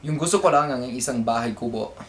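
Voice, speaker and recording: A man's voice: mid-range voice, fairly quick, a crowd in the background. A man with an American accent and native English, chatting casually in a hesitant, self-effacing manner. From United States. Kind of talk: casual chat.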